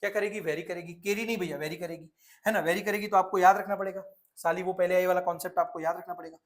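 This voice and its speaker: A lively man teaching a science class for exam prep, with a high voice. He switches between Hindi and English as he talks. He fires questions at the students and answers them himself. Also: rapid-fire. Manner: energetic, mixes Hindi and English, asks and answers his own questions.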